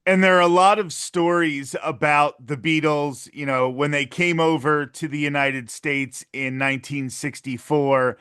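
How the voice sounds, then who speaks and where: A male podcast host with a raised pitch and a bright, crisp voice. He sets up his questions at a slow, deliberate pace. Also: steady tone. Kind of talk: conversational interview.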